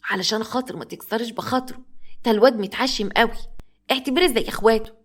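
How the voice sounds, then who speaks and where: A woman narrator voices a humble old grandmother from an Egyptian storybook tale, gentle and soft-spoken. Her pitch is fairly high, near an everyday speaking voice. She pleads patiently, though her words tumble out quickly.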